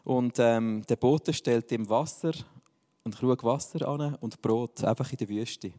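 A man's voice: mid-range voice, a little slow, dark tone, in a large hall. A man, preaching a sermon in a casual, joking style. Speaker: pastor.

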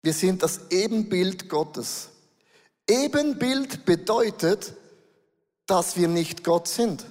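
A middle-aged male pastor preaching a lively sermon, switching between quick asides and slow, stressed words. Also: high-pitched. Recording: long hall reverb.

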